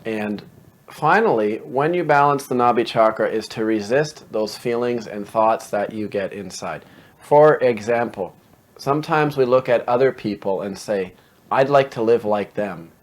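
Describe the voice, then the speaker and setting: A man at a middle pitch hosts a meditation lesson in a calm, conversational way. He explains plainly and often poses questions to the listener. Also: measured pace. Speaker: meditation show host.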